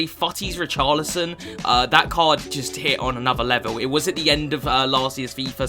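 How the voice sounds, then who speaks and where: A twenty-one-year-old gaming YouTuber with a medium-pitched voice casually answers fan questions for his channel. He's chatty and sweary and restarts his sentences many times.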